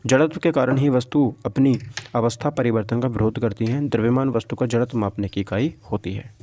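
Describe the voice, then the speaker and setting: A brisk man with a mellow, medium-pitched voice gives an informal physics lecture aimed at exam preparation, reading questions aloud and explaining them. He often repeats himself and checks that listeners follow, with slight background noise in the recording.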